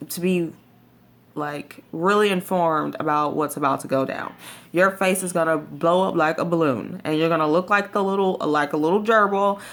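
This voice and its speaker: A woman talking casually to viewers in a vlog, giving advice in an informal, emphatic way. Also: on the low side. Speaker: vlogger sharing jaw surgery recovery tips.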